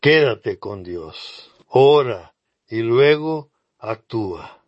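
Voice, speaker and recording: Slow, earnest male preacher, dry sound. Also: medium pitch, expressive, dry recording, highs cut off. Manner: earnest, speaks straight to the listener. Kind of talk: scripted devotional sermon.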